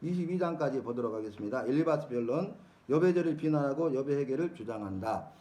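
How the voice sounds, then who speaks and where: Animated man preaching. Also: medium pitch, fast talker. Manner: animated preaching with rhetorical questions to the congregation. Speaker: pastor. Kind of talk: sermon-style Bible teaching.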